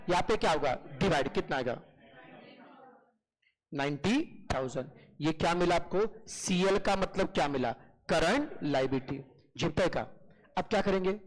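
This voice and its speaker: In an online class, a high-voiced man teaches accountancy, repeatedly asking his students short questions and answering them himself. He addresses them familiarly as "beta." The audio quality is poor.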